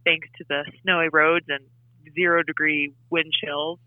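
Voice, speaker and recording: A woman's voice: low-pitched, little pitch movement, unhurried, dry recording, narrow, tinny audio. A woman co-hosting a podcast in casual chat, calling in remotely, with her voice sounding slightly robotic. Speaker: podcast co-host.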